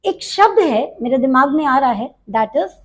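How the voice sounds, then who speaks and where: A woman English teacher with a high-pitched, lively voice gives a slow pronunciation lesson. She explains step by step and repeats words for drill. Mixing Hindi and English, she speaks directly to her students.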